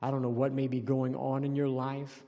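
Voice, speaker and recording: A man's voice: mid-range voice, completely flat delivery, moderate pace, mellow, in a large hall. A man preaching a sermon as pastor, earnest and repeating key phrases for emphasis. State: throat tickle, clearing throat.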